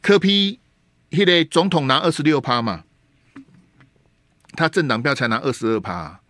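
A man's voice: a little high, expressive, moderate pace, a bit bright, no room sound. A man with a Taiwanese Mandarin accent hosting a radio show, giving emphatic political commentary full of rhetorical questions and dropping in Taiwanese Hokkien words. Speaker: radio talk show host. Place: radio studio. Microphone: studio microphone.

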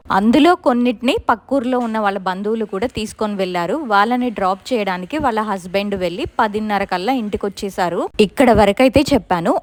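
A young woman calmly retelling a true story in her own words, first person, in a casual conversational way. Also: medium pitch. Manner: calm, conversational retelling with quoted dialogue.

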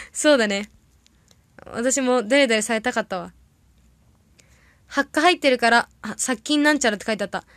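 A chatty young adult woman with a high, slightly bright voice livestreams as an idol audition candidate. She rambles casually and reacts quickly to the viewer comments she reads aloud. The recording has no echo.

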